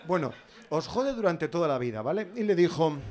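Male stand-up comedian with a Spain Spanish accent, slightly high voice, animated and ironic. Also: fairly quick, crowd noise. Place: stage.

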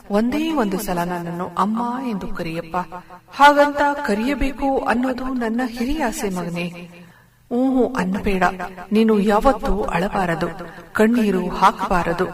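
Tender, self-sacrificing dying mother, one eye lost, soft and intimate, read by a woman storyteller; crowd murmur behind. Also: mid-range voice, lightly acted.

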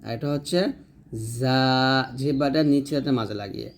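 A man teaching Arabic letter pronunciation, patiently repeating each sound slowly for learners to copy. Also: mid-range voice, mellow. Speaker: Quran reading teacher. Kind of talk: step-by-step pronunciation lesson.

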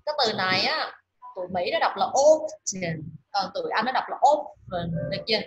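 A woman teaching pronunciation, drilling words aloud and repeating each one slowly. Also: medium pitch, animated, a bit bright, slight background noise, rough recording. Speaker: English teacher. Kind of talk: pronunciation lesson.

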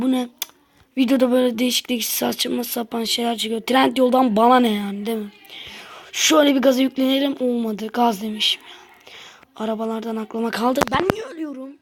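A woman's voice: sits high, gravelly. A woman giving casual gameplay commentary to her viewers, grumbling and exasperated as she plays. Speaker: gaming channel host.

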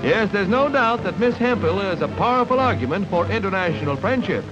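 A man's voice: sits high, animated, fairly quick, music in the background. A man narrating an old newsreel in breezy, jocular announcer patter, on dull 1940s film sound.

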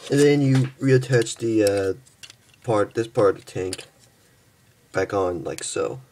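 Young man, toy review, slow halting delivery, sleepy, slight background hiss. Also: fairly low pitch, darkish tone. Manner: halting, stumbles and restarts often. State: tired, just woke up. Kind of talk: casual toy review with hands-on demo.

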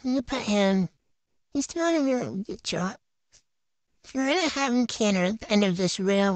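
Narrating her gameplay move by move, a young gaming vlogger chats casually in brief phrases. She speaks at a medium pitch, and the close recording has no room sound at all.

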